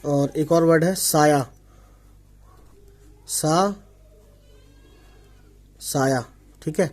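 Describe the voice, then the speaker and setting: Calm, mellow-voiced male language teacher. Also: on the high side. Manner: patient, repeats words slowly and keeps checking understanding. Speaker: Urdu teacher. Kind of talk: online language lesson. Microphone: omnidirectional desk microphone.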